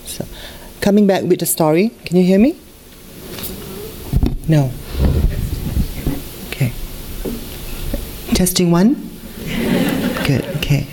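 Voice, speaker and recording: A woman's voice: on the low side, expressive, slow, pauses often, dark tone, slight background noise. Woman from Malaysia, middle-aged, conference talk, podium mic, earnest, repeats herself for emphasis. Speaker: conference speaker. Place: large conference hall at a podium. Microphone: podium microphone.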